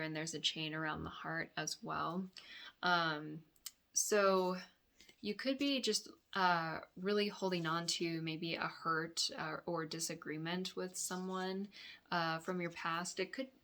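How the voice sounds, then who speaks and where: A tarot reader and yoga therapist gives her weekly tarot forecast, offering viewers reflective guidance that tends to meander. Her voice is raspy and dry-throated, lowish in pitch, with a sharp tone.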